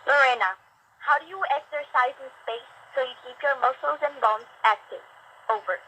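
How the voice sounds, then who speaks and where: A woman's voice: high voice, normal speed, sharp tone. A woman reading out prepared questions over a radio link. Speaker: reader of students' questions. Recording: dull phone-like radio, faint noise.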